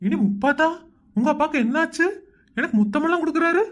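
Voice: high voice, animated, fairly bright tone. A performer voicing a young husband in a Tamil cartoon, grumbling and sarcastic about his in-laws. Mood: exasperated. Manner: grumbling, sarcastic, quick complaints.

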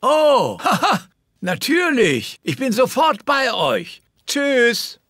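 Hearty elderly pig, children's cartoon, swooping intonation, faintly noisy recording. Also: male voice, very high voice, big pitch swings, slow pace, a bit bright, exaggerated voice. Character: hearty, helpful old grandpa pig.

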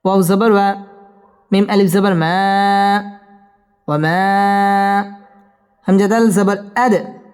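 A man teaching Quran recitation, spelling out letters and vowel marks syllable by syllable and chanting the verses slowly and melodically, with brisk spoken tajweed rules in between. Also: high voice, fairly even intonation, clear, resonant tone. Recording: long hall reverb.

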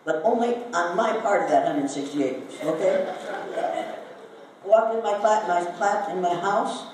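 A speaker giving a talk, this older woman from Iowa in the United States tells her live audience a story and questions them. Her voice is on the low side and a little mellow, with a measured pace, captured distantly in a very echoey hall with faint background noise.

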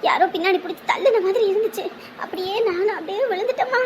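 An actress playing an older scheming mother-in-law who fakes a painful fall, crying out loudly and theatrically. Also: very high-pitched, quick pace, slight background noise. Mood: fake pained. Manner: wailing, loud theatrical cries.

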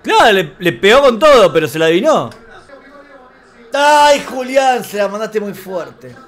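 A man with an Argentine accent giving a live, excitable reaction to a football match, talking straight to the screen. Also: sits high, measured pace. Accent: Argentine Spanish. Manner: excitable, emotional, talks to the screen.

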